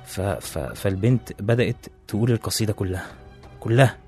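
A man's voice: on the low side, a little fast, a little mellow, soft background music. A man with an Egyptian accent telling a story in a chatty, casual way, with restarts and asides to the listener. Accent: Egyptian Arabic.

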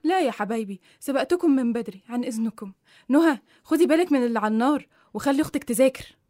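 A woman with an Egyptian accent playing a stern eldest sister who raises her younger siblings, commanding and reproachful, over soft music. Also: sits high, animated, fast, no room sound, studio quality. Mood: weary. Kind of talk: radio drama acting.

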